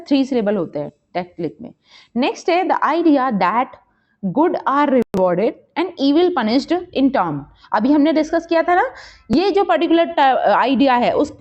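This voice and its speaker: A high-pitched woman teacher leads an exam-prep quiz lesson. She reads each question slowly and explains it quickly. The recording is muffled and lo-fi. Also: a little mellow.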